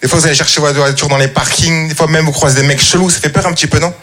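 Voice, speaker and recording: A man's voice: a little high, fairly even intonation, racing. A man doing a chatty stand-up routine on stage, talking straight to the audience. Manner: chatty, addresses audience with "tu vois". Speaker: stand-up comedian. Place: comedy stage before a live audience. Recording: live show with crowd noise. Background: audience laughter.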